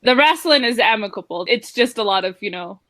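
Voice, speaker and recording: Bright-voiced woman running the game. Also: on the high side, expressive, a little fast. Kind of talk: narrating a tabletop game.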